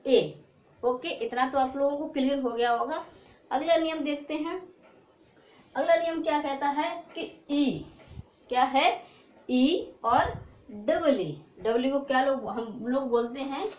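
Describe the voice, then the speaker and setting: A woman's voice: high voice, a little mellow. A woman teaching an English pronunciation lesson, asking questions and answering them herself. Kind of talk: classroom-style lesson. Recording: echoey room.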